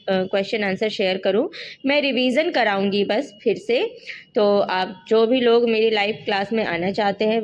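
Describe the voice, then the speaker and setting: A woman tutor with a cold, reading exam questions aloud, repeating them, and giving the answers. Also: fairly high pitch. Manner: reads each question, repeats it, then answers. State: has a cold, voice heavier. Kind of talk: one-liner quiz revision lesson. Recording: dull lo-fi recording with faint noise.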